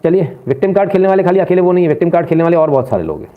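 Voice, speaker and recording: Brief: fast, indignant male commentator lecturing viewers; lo-fi phone-line sound. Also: a little high, animated. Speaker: news commentator. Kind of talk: opinionated news commentary.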